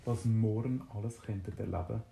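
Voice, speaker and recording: Low-voiced Swiss German woman telling a story. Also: a little fast, gravelly, slight background noise. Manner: relaxed, rambling storytelling with restarts. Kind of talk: improvised bedtime story. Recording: roomy, echoey.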